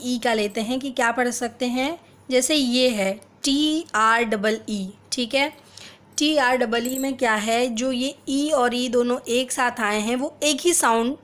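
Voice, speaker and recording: Slow, patient woman teaching phonics. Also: high voice. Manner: slow, patient, sounds out letters one at a time. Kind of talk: phonics lesson.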